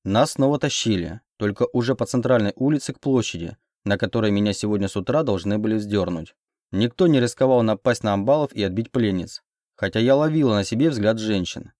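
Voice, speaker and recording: A man reads a novel aloud in first person, steady and measured. His voice sits low, and the recording is dry with no room sound. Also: no room sound. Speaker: audiobook narrator. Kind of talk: first-person audiobook narration.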